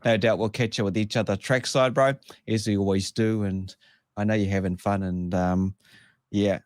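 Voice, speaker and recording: A man's voice: fairly low pitch, fairly even intonation, normal speed, a little mellow, dry recording, studio quality. A man with a broad New Zealand accent hosting a casual sports chat show in a matey, slangy way. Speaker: show host.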